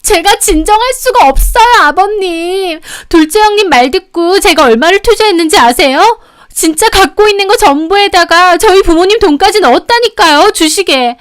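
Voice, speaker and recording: A woman voicing a furious young sister-in-law who yells through tears in a Korean family story narration. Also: extremely high pitch, animated, normal speed, voice pushed up. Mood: shrieking, tearful. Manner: shrieking, tearful yelling.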